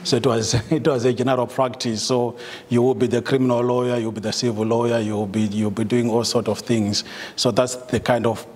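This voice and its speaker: There's a big-room sound as a middle-aged man with a Zimbabwean accent, a solicitor from Zimbabwe, gives a guest talk to staff indoors in a meeting room. He speaks a little fast in a mid-range voice with little pitch movement. Many ums and uhs come through, along with some light laughter.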